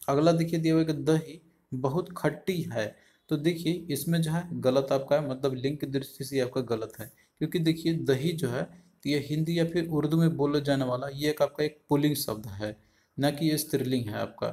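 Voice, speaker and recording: A man's voice: fairly high pitch, fairly quick, a little mellow. A man giving an online exam-prep lesson, reading each answer option aloud and explaining it in a repetitive, explanatory way. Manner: explanatory, repeats each option aloud, frequent fillers like "aapka". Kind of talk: online lesson walking through exam questions.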